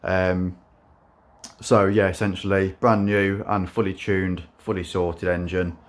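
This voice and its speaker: Low-voiced man giving a slow monotone walkaround. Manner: self-described monotone, halting with fillers. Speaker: motorcycle builder showing his bike. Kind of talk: casual walkaround vlog.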